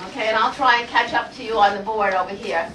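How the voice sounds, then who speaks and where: A woman teaching a Hebrew phonics lesson to a class, energetic and coaxing, asking the group question after question. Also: a little high, fast talker, a little hiss or hum. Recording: roomy classroom audio from far off.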